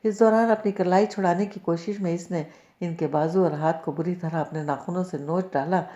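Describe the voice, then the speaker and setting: Woman narrating a novel, low mellow voice. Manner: steady storytelling reading. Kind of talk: audiobook novel reading. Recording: echoey, slightly dull recording.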